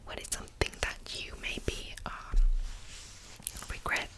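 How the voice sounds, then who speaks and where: Whispered role-play: woman as attentive female psychologist, fully whispered and breathy, patient active listener, gentle questions with thoughtful pauses. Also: natural voice.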